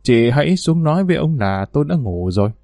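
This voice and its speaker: A man's voice: medium pitch, sing-song, brisk, warm tone, dry recording, studio quality. A man voicing a flirtatious, haughty wealthy woman, coquettish with her lover and cold to her servant. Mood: cold commanding.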